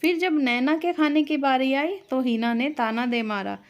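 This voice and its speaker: A woman's voice: sits high, unhurried. Woman telling a family story. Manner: steady, plain storytelling. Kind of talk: scripted story narration.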